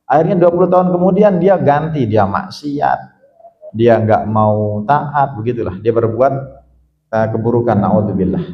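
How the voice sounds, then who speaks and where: A man giving an Islamic study sermon, telling a story with lively jumps in pitch and asides to the audience, on a handheld microphone in a large hall. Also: normal speed. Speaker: preacher. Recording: echoey hall, dull lo-fi sound.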